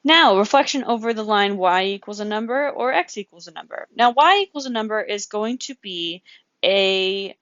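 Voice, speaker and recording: Lady teacher working graph problems out loud, counting squares, catching her own slips, kinda muffled audio. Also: medium pitch, animated, moderate pace, no room sound. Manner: self-correcting, playful sound effects, counting grid squares aloud. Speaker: math teacher. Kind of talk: recorded geometry lesson, working problems aloud.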